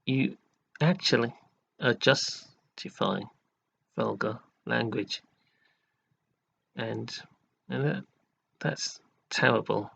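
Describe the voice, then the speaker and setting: A man in an aggrieved, halting vlog rant who keeps repeating himself and restarting his sentences. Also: mid-range voice, vocal fry, fairly bright tone, slightly rough, highs cut off. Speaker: vlogger. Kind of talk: slow, halting rant to camera.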